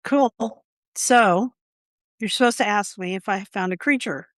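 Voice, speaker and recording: A woman from Oklahoma co-hosting a gardening podcast, chatting casually and telling quick stories with asides. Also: medium pitch, dry recording. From Oklahoma, USA. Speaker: podcast co-host. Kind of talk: casual chat.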